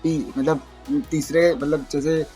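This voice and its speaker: A young man with a tells a rambling school anecdote for his vlog, acting out what others said. His voice sits a little high, and faint music plays underneath. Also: takes it slowly. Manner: rambling, animated retelling with acted-out quotes. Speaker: vlogger. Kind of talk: casual storytelling vlog.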